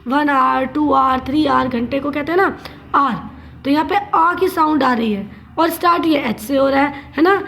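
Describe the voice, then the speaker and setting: A woman's voice: high-pitched, normal speed, vocal fry, fairly bright tone, slight background noise. A female school teacher giving a grammar lesson to young students, asking questions and answering them herself, spelling out words letter by letter. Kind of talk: classroom grammar lesson in Hindi and English.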